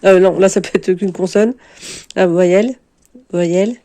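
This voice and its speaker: A woman's voice: mid-range voice, fairly even intonation, measured pace, warm tone. A woman in her forties from France, chatting casually to camera in a rambling, self-mocking way with many hesitations. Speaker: book vlogger.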